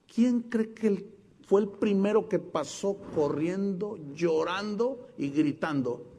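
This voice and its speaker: A man preaching a sermon, retelling stories and quotes with lively drama. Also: sits high, in a large hall. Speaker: pastor.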